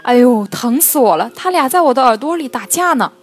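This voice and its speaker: A woman voicing a big male lion in pain in a children's storybook reading, loud and groaning. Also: high voice, expressive, a little fast, husky, soft background music, voice pushed up.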